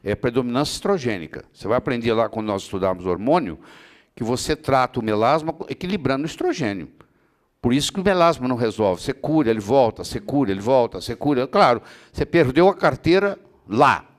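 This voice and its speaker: A man's voice: mid-range voice, expressive, fast talker. Man lecturing a class on medicine. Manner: explains with everyday analogies, checks understanding often. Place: lecture room with students.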